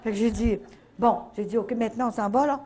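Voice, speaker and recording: An older woman with a Canadian French accent telling a faith testimony at a retreat, in a lively storytelling manner full of little verbal tags. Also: on the high side, fast, a faint crowd. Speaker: retreat speaker.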